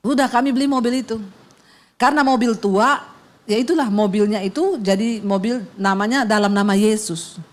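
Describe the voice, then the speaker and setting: Lady pastor, middle-aged, kinda high voice, jokey storytelling sermon, does all the sound effects. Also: normal speed. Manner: animated and humorous, acts out sounds and dialogue.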